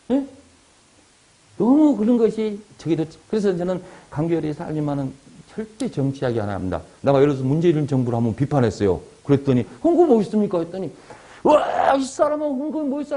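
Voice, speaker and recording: A man's voice: on the high side, dark tone. A middle-aged man giving an exam-prep lecture, digressing into chatty stories and anecdotes.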